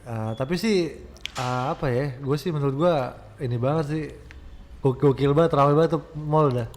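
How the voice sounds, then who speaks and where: A man's voice: fairly high pitch, moderate pace, darkish tone, a little hiss or hum. A man telling slangy, joking stories in casual banter as a co-host.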